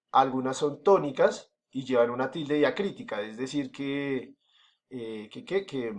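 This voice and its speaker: This recorded school lesson is led by a man with a mid-range voice and a Colombian Spanish accent. He walks through the material step by step, leaning on fillers and repeatedly making sure the class is with him.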